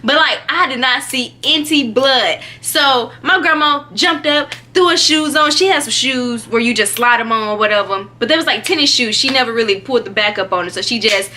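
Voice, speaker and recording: A young woman telling a story in a casual, animated way, chatty and often laughing. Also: on the high side, fairly quick, few pauses, slight background noise. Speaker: vlogger.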